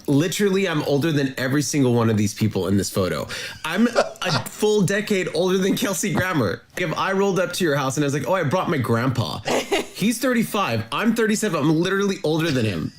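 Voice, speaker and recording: A man's voice: on the high side, big pitch swings, fast, a little hiss or hum. A man in his thirties delivering an emphatic, punchy rant in a social media clip. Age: 30s. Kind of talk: direct-to-camera rant.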